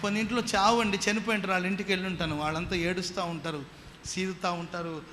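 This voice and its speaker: A man's voice: high voice, steady tone, quick pace, crowd noise. A man with a Telugu accent preaching a sermon as pastor, firing rhetorical questions at the congregation and answering them himself. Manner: call-and-response preaching with rhetorical questions and repeated hallelujahs. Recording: long hall reverb with faint noise.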